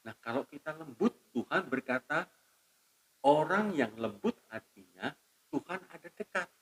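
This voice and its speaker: A man preaching a sermon as pastor, emphatic, dropping to soft asides and swelling loud on key lines, calling out hallelujah to his congregation. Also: mid-range voice, rough recording. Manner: addresses the congregation as saudaraku and calls out hallelujah.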